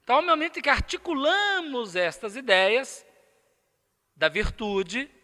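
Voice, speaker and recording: A man's voice: very high voice, lively intonation, normal speed, pushed and bright. A man with a Brazilian accent giving a spiritist lecture, emphatic and asking the audience rhetorical questions. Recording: echoey lecture hall.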